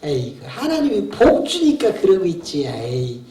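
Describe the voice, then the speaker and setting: A man's voice: high voice, wildly swooping pitch, normal speed, warm tone. A man voicing a sly, groveling male devil who talks back with mocking dismissal. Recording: echoey hall from far off.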